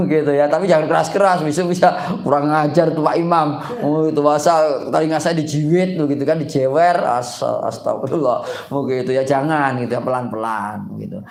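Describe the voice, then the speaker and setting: A man's voice: fairly high pitch, reverberant. A man giving a casual, folksy religious talk as a preacher, joking often and asking his audience questions. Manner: folksy, joking, repeats "gitu kan". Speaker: Islamic preacher.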